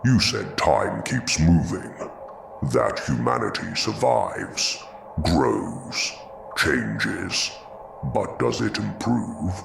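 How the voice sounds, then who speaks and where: An extremely low, heavily croaking monster in an audio drama. The creature is bitter and grieving, brooding over every slow, solemn phrase. Clear background noise sits behind the voice. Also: male voice, very animated, exaggerated voice. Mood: probing, bitter. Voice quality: deep, gravelly. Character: Frankenstein's monster, bitter grieving philosophical male creature, ancient at heart. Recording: clearly noisy background ambience.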